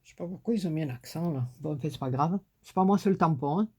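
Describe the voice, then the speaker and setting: A woman's voice: low voice, fast talker, a little mellow, breathy edge. A woman with a southern French accent hosting a casual crafting tutorial, chatting to herself and teasing herself as she works. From southern France. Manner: chatty, talks to herself and teases herself while working.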